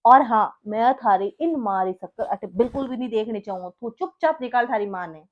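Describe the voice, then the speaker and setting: A woman's voice: fairly high pitch, expressive, normal speed, highs cut off. A woman playing a harsh, domineering young husband with a Marwari accent in a comic village skit, scolding and sneering. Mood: cold, dismissive. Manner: scolding, bossy, sneering questions.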